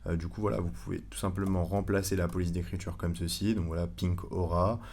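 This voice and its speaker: Low-voiced guy walking thru a tutorial, chatty, lots of euhs. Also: brisk. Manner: relaxed, chatty, many fillers and self-corrections. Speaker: online course instructor. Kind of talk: casual screen-recorded tutorial.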